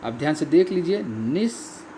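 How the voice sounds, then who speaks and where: A man's voice: fairly high pitch, animated, normal speed, warm tone, a little hiss or hum. A man explaining the answers to a language test, repeating each key word and calling his listeners friends. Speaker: Hindi exam tutor.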